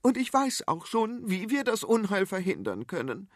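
A man voicing a shrill, bossy, dramatic queen in a storybook. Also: wildly swooping pitch, moderate pace, no echo, studio quality, exaggerated voice. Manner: shrieking, scolding.

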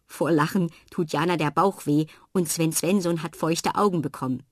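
A woman reads a children's story in a calm, expressive way. Her voice is low and slightly husky. The recording is close and dry. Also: normal speed, no echo.

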